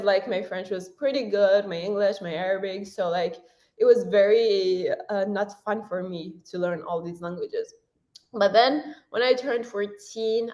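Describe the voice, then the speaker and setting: Frank and talkative, this young woman, a university student and native Persian speaker, guests on a laid-back interview, peppering her speech with "like" and correcting herself quickly. Her voice has a medium pitch and a darkish tone.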